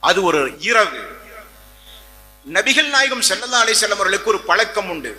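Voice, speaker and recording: A man's voice: high-pitched, very animated, moderate pace, sharp tone, soft background music. A man preaching an Islamic sermon, emphatic, repeating phrases and asking rhetorical questions. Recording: long hall reverb.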